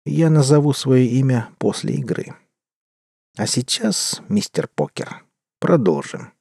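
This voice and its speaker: A man's voice: mid-range voice, very animated, a little slow, gravelly, darkish tone, breathy edge, no echo, studio quality, exaggerated voice. A man voicing a cold, detached, mysterious woman in an audiobook. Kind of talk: audiobook character voice.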